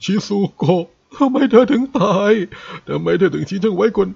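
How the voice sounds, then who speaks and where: Man acting a broken husband crying out for his dead wife, loud and high, raspy edge. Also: animated, normal speed, exaggerated voice. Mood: wailing. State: wailing in grief. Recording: dull lo-fi recording.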